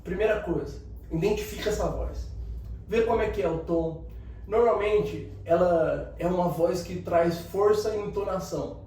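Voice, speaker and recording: A man's voice: high voice, moderate pace, mellow, a little hiss or hum. A man giving an emphatic motivational talk, speaking straight to the listener. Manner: emphatic, coaching the listener directly. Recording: very echoey room, distant mic, faint ambience.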